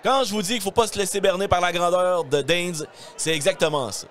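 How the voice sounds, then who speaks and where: A male wrestling commentator with a Quebec French accent delivers live play-by-play in a high-pitched, excitable voice. He exclaims and often shouts his calls, with a light crowd sound behind him. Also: a little fast. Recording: live event with crowd noise.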